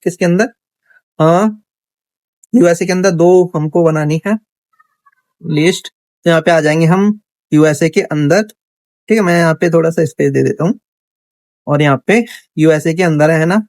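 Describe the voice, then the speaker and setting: A man's voice: a little high, unhurried, pauses often, darkish tone, no echo. A man teaching a coding lesson over his screen, chatty and thinking aloud, checking in with the viewer often. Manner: chatty, thinks aloud, frequent "theek hai" check-ins. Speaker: coding instructor. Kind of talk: casual screen-recorded coding tutorial.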